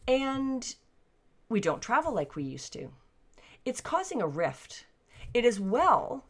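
Older woman, low voice, candid, conversational, home vlog. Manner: candid, conversational, thinking aloud. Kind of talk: personal reflective monologue. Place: basement suite at home.

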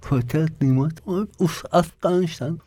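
A man with a Swiss German accent hosts a talk show in a radio studio. His voice sits a little high for a man, and he keeps the conversation moving with quick affirmations. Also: warm tone, husky. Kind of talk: radio interview.

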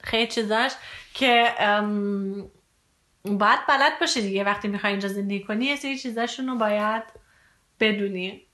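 Chatty, bright-voiced woman podcast host. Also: mid-range voice. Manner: chatty, leads the conversation, prompting her co-host. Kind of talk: casual co-hosted podcast chat.

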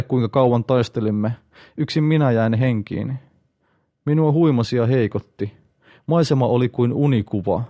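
A man's voice: mellow, natural voice. A man voicing a dazed, wounded barbarian hero in an audiobook reading. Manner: dazed, low and breathy.

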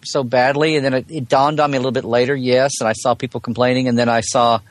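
Speaking fast in a level, mid-range voice with no room sound, a Star Trek blogger joins a podcast as a guest. The fan talk is casual and colloquial, and he tends to drift off topic and restate things mid-thought.

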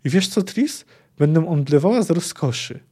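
A man reading aloud and voicing a proud, possessive sorceress who speaks in a sharp, commanding, scornful way. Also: fairly high pitch, animated, moderate pace, slightly rough. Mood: mocking. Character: proud furious female sorceress, possessive and cutting.

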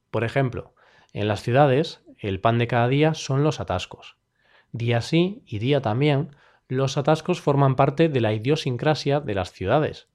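A man from Spain with a Spanish accent, hosting a daily podcast that teaches Spanish expressions, with clear, measured delivery and a light touch of humor. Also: mid-range voice, darkish tone. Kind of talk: scripted explanatory podcast lesson.

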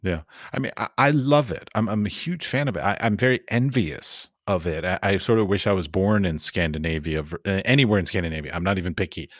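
An American man hosting a casual interview, talking in a rambling, animated way with many fillers. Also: deep voice, a little fast, few pauses, no room sound, studio quality. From United States. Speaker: podcast host.

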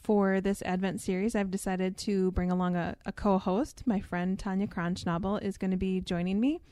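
Mellow-voiced woman podcast host. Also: medium pitch, fairly even intonation, normal speed, no echo, studio quality. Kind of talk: casual chat.

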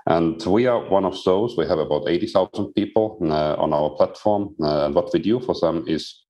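Very deep-voiced mature man, explaining. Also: normal speed, mellow. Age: middle-aged or older. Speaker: company chief executive, panel guest. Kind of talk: conversational business explanation on a panel.

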